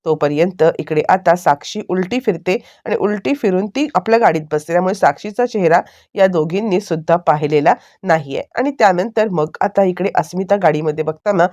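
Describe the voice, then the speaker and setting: A woman's voice: lowish voice, fairly quick, darkish tone, highs cut off. A woman narrating a TV serial recap casually, with fillers and self-corrections.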